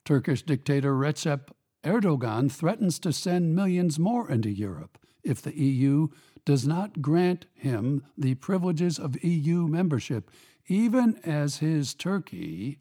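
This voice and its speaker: A man hosting a radio commentary program, reading a scripted opinion piece in a measured, emphatic, pointed way. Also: fairly high pitch, dark tone, husky.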